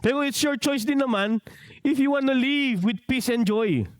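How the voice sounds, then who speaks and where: High-voiced pastor preaching. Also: male voice, moderate pace, dry recording, studio quality. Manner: preaching, with questions to the congregation. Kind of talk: bilingual sermon.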